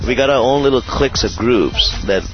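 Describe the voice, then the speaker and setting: A man from Sri Lanka talking casually in an interview, animated and proud, rambling with fillers. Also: medium pitch, brisk, muffled recording, over music. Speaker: interviewee, local resident.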